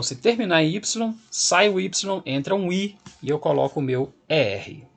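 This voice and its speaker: A man's voice: fairly high pitch, breathy edge. A man teaching an English grammar lesson, explaining rules patiently and checking in often with a rising "ok?".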